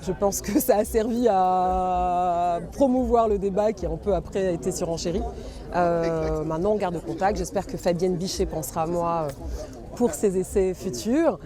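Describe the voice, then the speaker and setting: A woman's voice: fairly low pitch, moderate pace. Woman, actress, interview, earnest, outdoors, crowd noise. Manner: earnest, with light laughs. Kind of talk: festival interview. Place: outdoors at a busy festival.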